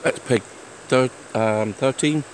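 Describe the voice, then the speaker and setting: A man's voice: mid-range voice, poor audio. A man, chatting casually as he walks around a fishing lake filming on a handheld phone. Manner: chatty, unhurried, plain-spoken. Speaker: angler filming his fishing trip. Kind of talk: casual walk-and-talk vlog. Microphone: handheld phone camera. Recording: faint outdoor noise.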